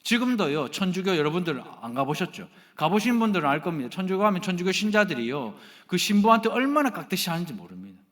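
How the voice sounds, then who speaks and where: Lively high-voiced Gyeongsang pastor preaching. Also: male voice, fast talker, hardly any pauses. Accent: Gyeongsang Korean. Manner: animated, addresses the congregation directly and jokes with them. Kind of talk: sermon.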